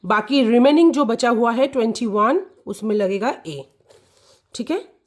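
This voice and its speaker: A woman explains a grammar lesson to children at an unhurried pace. She repeats words over and over and keeps checking that they follow. Her voice sits a little high. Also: lively intonation. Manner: repeats key words, checks "clear?" and "ठीक है". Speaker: teacher.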